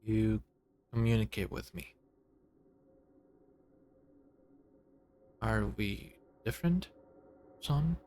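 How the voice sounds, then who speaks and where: A man voicing a vast, childlike alien visitor from a video game, solemn and gently wondering, in short halting phrases. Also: fairly low pitch, animated, a little hiss or hum. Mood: solemn, dawning remorse. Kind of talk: video game dialogue read aloud.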